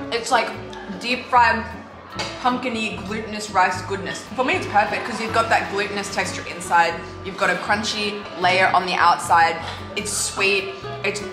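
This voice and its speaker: A young woman hosting a food vlog, chatty and enthusiastic, laughing often. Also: medium pitch. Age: young adult. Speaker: food vlogger. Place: indoor restaurant dining room. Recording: roomy, with music behind.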